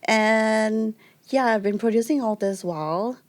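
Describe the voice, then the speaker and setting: A woman's voice: a little high, measured pace. A woman from Malaysia, a filmmaker and educator, chatting loosely as a guest on a podcast. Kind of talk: casual podcast chat.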